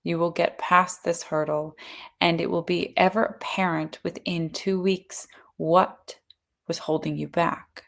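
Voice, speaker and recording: A woman acting as a seance medium in trance, voicing a serene collective of spirits in measured, solemn pronouncements. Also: on the low side, steady tone, gravelly. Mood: solemn, foretelling. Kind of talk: trance channeling message.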